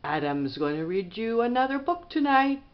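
A woman introducing a home video and gently prompting her child as he reads a story aloud. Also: fairly high pitch, very animated, normal speed, lo-fi sound. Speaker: parent prompting a child reader.

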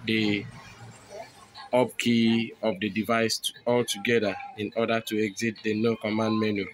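A man narrating a step-by-step phone tutorial, explaining each button press in steady, repetitive phrasing. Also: fairly low pitch, normal speed, poor audio. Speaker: tech tutorial host.

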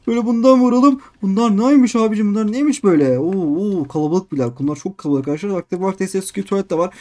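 A man giving excited let's-play commentary on a game, repeating phrases in quick bursts and constantly addressing his viewers. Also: high voice. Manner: excitable, keeps calling viewers "abicim" and "arkadaşlar". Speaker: gaming YouTuber.

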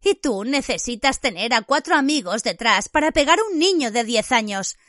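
A woman's voice: a little high, animated, normal speed, no echo, clean studio sound, voice pushed up. A woman voicing a defiant teen wizard boy. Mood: mocking. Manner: sharp, threatening retorts. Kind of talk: audiobook character voice.

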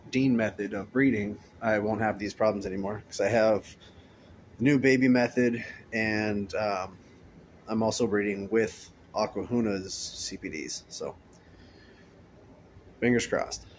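An aquarium hobbyist ambles through his indoor fish room, filming the rows of tanks on a handheld phone and chatting easily as he goes. He speaks a little slowly at a fairly low pitch, with a little hiss or hum in the audio.

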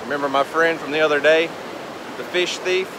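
A man's voice: fairly high pitch, steady tone, a little fast. A man in his thirties, vlogging about fishing, talking upbeat and chatty to a camera at arm's length on a windy beach. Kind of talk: casual outdoor vlog. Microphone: handheld camera at arm's length.

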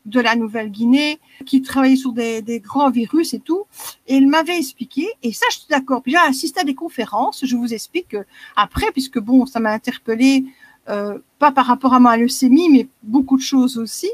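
Calling in to a live video call for a casual chat, a Belgian French woman in her sixties talks in a high-pitched voice at a fairly quick clip, with no room sound. Her manner is earnest and a little rambling, and she tends to say things more than once.

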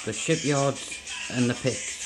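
A man talks slowly and bluntly, swearing freely in a relaxed vlog. Music plays clearly behind him, and his delivery stays unhurried and plain-spoken. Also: mid-range voice, low-quality recording. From North East England. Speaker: vlogger. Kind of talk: casual vlog chat.

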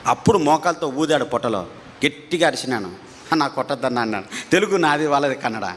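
Speaking quickly, a man preaches his testimony as a story, animated throughout, his pitch rising at the tense moments and phrases repeated for emphasis.

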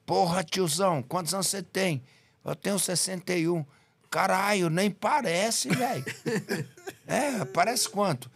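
A man's voice: high voice, unhurried, creaky, a bit bright, husky. A man in his sixties with a Brazilian accent, a guest musician in casual podcast chat, rambling and joking with slang and swearing. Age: 60s. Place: podcast studio, indoors. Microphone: desk microphone on boom arm.

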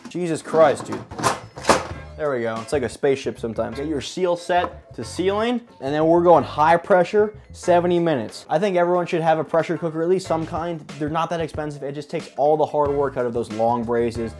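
Male cooking-vlog host, quick fast patter, crude jokey humor, home kitchen. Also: fairly high pitch, a little mellow, soft background music. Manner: joking and profane, chatty.

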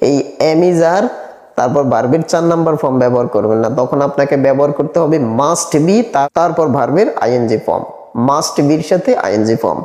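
A man teaching a spoken English grammar lesson, repeating example sentences slowly and deliberately. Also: a little high, dark tone. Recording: echoey room with long reverb.

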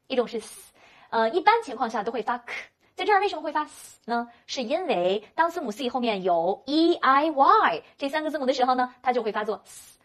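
A woman with a high, fairly bright voice gives an English vocabulary lesson on words and pronunciation. She draws out slow model pronunciations and asks the learner rhetorical questions before answering them.

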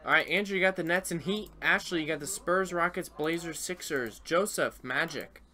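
Brisk man reading out team picks. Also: a little high, bright, forceful tone. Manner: brisk, listing names and teams. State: hiccups. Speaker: card break host. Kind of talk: live card break chat.

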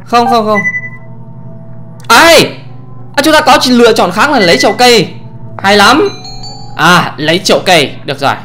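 A man giving let's play commentary on a horror game, excitable and often exclaiming and swearing casually. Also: sits high, normal speed, pauses often, soft background music. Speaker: gamer, channel host.

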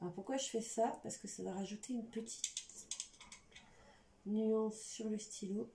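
She is the host of a hands-on craft tutorial, speaking informally and a little slowly in a mellow, medium-pitched voice with a slight s lisp. She sits at a craft table indoors, where the room echoes and faint noise hangs in the background.

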